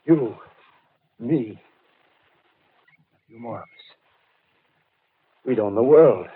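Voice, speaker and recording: A fanatical soldier survivor in a 1930s radio play, speaking at a middling male pitch. He rambles fervently in rough, slangy speech and repeats himself as he schemes. The old broadcast sound is thin and phone-like, with no room echo. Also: animated, slow pace. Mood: feverish scheming. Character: fanatical artilleryman survivor scheming to rule the ruined world. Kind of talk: 1930s radio drama acting.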